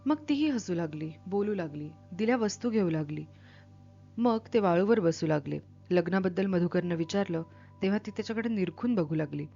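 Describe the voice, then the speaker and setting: A woman reading a novel aloud with expressive, dramatic delivery, then explaining it as a literature teacher. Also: on the low side, brisk, vocal fry, highs cut off, soft background music.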